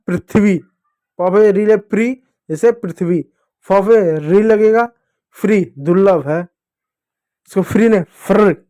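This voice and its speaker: A man teaching young children to read, speaking slowly and repeating each syllable for them to say after him. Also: sits high, dark tone. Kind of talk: Hindi reading lesson for children.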